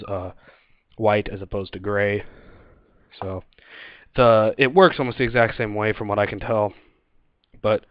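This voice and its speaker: Casting: male amateur gear reviewer, smooth low voice, informal and hesitant delivery, lo-fi webcam sound. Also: dry recording. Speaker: gear reviewer presenting a video. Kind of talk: casual unscripted product review. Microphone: webcam setup. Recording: dull lo-fi webcam audio.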